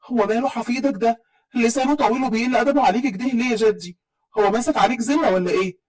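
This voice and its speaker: A woman acting out a proud young woman from Upper Egypt in a spoken story. She answers back sharply and defiantly, with an Upper Egyptian accent, in a quick delivery. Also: fairly high pitch, a little mellow, slightly rough, low-quality recording.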